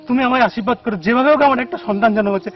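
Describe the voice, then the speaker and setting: A man's voice: extremely high pitch, steady tone, racing. An actor playing an anxious village husband who eagerly pleads with a holy man for his child. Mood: pleading. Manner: pleading and eager, calling "baba" often. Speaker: village devotee, expectant father. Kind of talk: devotional film acting. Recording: dull lo-fi film soundtrack with faint noise.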